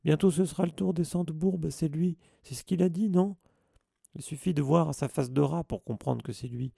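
A man's voice: on the high side, normal speed, vocal fry, warm tone, breathy edge, no room sound, clean studio sound, voice pushed up, full character voice. A man voicing a hot-headed teenage boy who argues back defiantly. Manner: heated, defiant.

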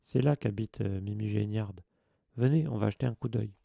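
A man voicing an earnest, bossy schoolgirl in an audiobook, brisk and a little flustered. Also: on the low side, creaky, mellow, dry recording, clean studio sound. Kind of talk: audiobook character voice.

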